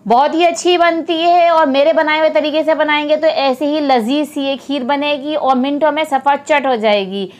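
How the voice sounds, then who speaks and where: A woman's voice: sits high, fairly even intonation, normal speed, few pauses, muffled recording. A woman hosting a cooking channel, narrating a step-by-step recipe in a chatty, explanatory voice-over that speaks straight to viewers.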